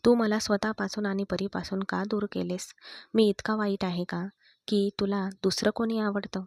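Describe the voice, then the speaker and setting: A woman's voice: mid-range voice, steady tone, normal speed, creaky, a little mellow, no room sound. A woman reading a pleading young husband.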